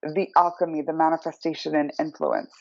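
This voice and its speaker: A woman's voice: sits low, sing-song, a little fast, creaky, darkish tone, no echo, lo-fi sound. A woman explaining a numerology reading in a chatty, explanatory way on a podcast. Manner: chatty, explanatory, acts out quotes.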